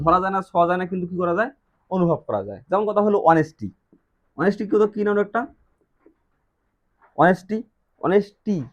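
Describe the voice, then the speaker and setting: Male Bangladeshi teacher, lo-fi. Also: a little high. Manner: asks and answers his own questions. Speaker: English teacher. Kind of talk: classroom-style grammar lesson. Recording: dull lo-fi recording.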